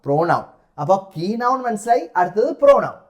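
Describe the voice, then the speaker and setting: A man with a Malayali accent teaching a lesson for an English test, explaining step by step and reading example sentences slowly with stressed key words. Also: sits high, big pitch swings. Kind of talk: classroom-style lesson.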